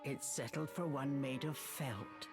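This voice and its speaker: A woman narrating a storybook game tale in a slow, measured, dramatic way. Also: extremely low pitch. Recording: game audio with music behind. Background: music.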